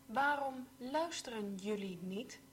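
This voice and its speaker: Female drill reader: very slow, even, careful delivery, slightly high. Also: a little hiss or hum. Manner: slow, evenly pronounced sentences. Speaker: language teacher reading examples. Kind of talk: slow read-aloud language drill.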